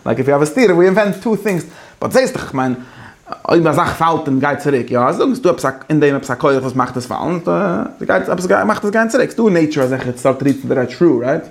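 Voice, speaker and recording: Male teacher, gravelly, slightly high voice, halting and animated, casual lecture. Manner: halting, restarts, animated, laughs often. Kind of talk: casual lecture mixing languages.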